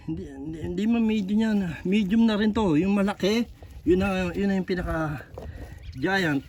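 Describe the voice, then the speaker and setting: Man, high voice, casual vlog talk, slightly breathless, outdoors at the shore, faint background noise. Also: dark tone. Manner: chatty, repetitive, addresses viewers constantly. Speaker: vlogger. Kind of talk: casual on-the-spot vlog narration. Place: outdoors on a rocky shoreline at low tide. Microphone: camera on a tripod.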